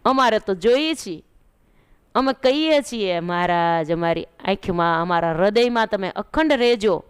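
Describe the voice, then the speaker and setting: A woman telling a devotional story as a sermon, animated and acting out the characters' cries. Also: mid-range voice, unhurried, clean tone. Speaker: religious storyteller.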